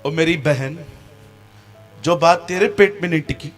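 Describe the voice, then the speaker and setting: A man's voice: on the high side, unhurried, soft background music. Teasing male pastor preaching. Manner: humorous, teasing, mimics congregation members. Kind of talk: sermon. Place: church meeting.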